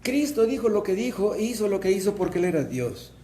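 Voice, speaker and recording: A man's voice: high-pitched, big pitch swings, a little fast, warm tone, reverberant, slight background noise. A man, a pastor with a Mexican Spanish accent, preaching a sermon and asking and answering his own questions.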